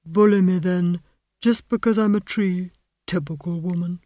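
A woman's voice: on the low side, steady tone, normal speed, warm tone, dry recording, clean studio sound, lightly acted. A woman voicing a sardonic, lecherous old male wizard who has been turned into a tree, with a sarcastic drawl.

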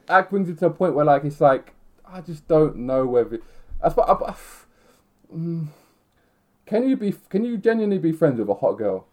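A man's voice: a little high, sing-song, normal speed, a little mellow. Young London roadman, slangy and rambling. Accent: London roadman, multicultural London slang. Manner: slangy, rambling, self-interrupting. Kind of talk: casual chat.

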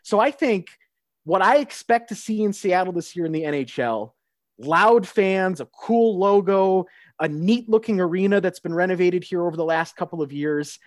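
A man's voice: high voice, animated, normal speed, no echo, clean studio sound. A man co-hosting a sports podcast, talking in an upbeat, enthusiastic way. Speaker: podcast co-host. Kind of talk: casual sports chat.

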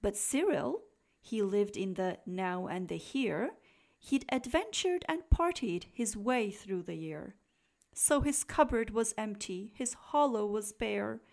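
A woman reading a rhyming children's picture book aloud in a slow, expressive, lilting way. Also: medium pitch, creaky. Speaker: storybook reader.

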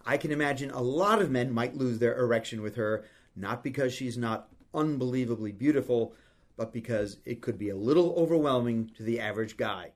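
A man's voice: medium pitch, brisk. A middle-aged man hosting a podcast, talking frankly and reassuringly in a casual advice style. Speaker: podcast host.

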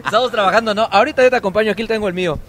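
A man's voice: high-pitched, rapid-fire, a bit bright. Playful Mexican male radio host. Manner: playful, teasing banter. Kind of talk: casual live radio interview. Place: bar inside a casino hotel.

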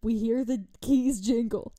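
A woman's voice: fairly high pitch, unhurried. A young woman co-hosting a podcast, telling stories in casual chat and laughing often. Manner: laughing often, giggly and animated. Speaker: podcast co-host.

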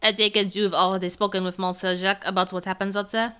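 A woman's voice: medium pitch, little pitch movement, fast talker, pushed and bright, clean tone, close to an everyday voice. A woman doing a polite French-flavored adventurer. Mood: thoughtful. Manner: sprinkles French words, slightly broken English.

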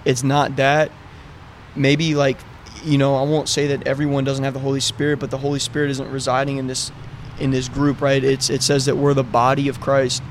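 Casting: man, mid pitch, flat intonation, informal rambling conversational delivery, faint outdoor city noise. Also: a little fast. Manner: informal, loosely structured, peppered with "like", "right" and "you know". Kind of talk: casual faith discussion.

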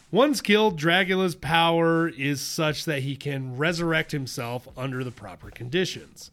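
Young male podcast host, bright and a touch high, loose and laughing while he reads notes. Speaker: podcast co-host presenting research. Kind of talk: casual chat.

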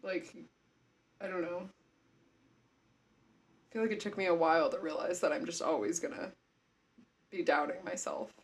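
A woman's voice: lowish voice, normal speed, long pauses. A woman in casual chat who laughs often and asks easygoing questions.

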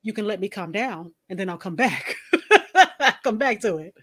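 A young woman co-hosting a casual chat, blunt, laughing often and mimicking soft coaxing voices. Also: medium pitch, a little fast, breathy edge. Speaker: podcast co-host.

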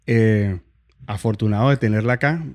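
A man's voice: on the low side, moderate pace. A man hosting a casual podcast interview, often repeating words as he searches for what to say. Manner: hesitant, repeats words while searching for them. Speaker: podcast host.

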